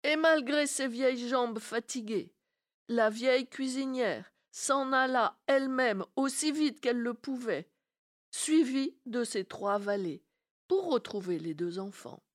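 A woman narrating a fairy tale in a slow, expressive storybook reading. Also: fairly high pitch.

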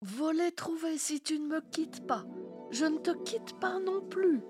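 A woman voicing a calm, quick-witted little girl in a storybook reading, speaking softly and urgently. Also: sits high, over music, voice pushed up. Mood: pleading.

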